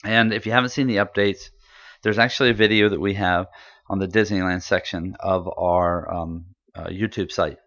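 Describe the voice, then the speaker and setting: A man's voice: deep voice, fairly even intonation, normal speed, a bit bright. A man co-hosting a podcast in casual chat, rambling and enthusiastic with lots of fillers. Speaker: podcast co-host. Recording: dull lo-fi audio.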